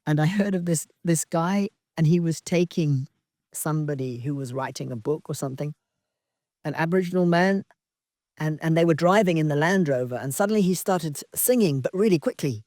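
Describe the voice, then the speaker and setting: A woman from Zambia giving a slow, halting, reflective dharma talk as a meditation teacher on a retreat. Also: low-pitched, darkish tone, no room sound, clean studio sound. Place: outdoor retreat in wilderness.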